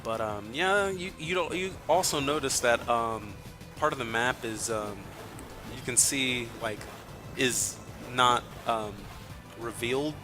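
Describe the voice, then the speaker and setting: A man's voice: mid-range voice, slow pace. A man from Texas giving casual, rambling commentary while playing a video game. He swears freely and fills his talk with ums and uhs. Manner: rambling and profane, with many fillers. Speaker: let's play host. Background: game music.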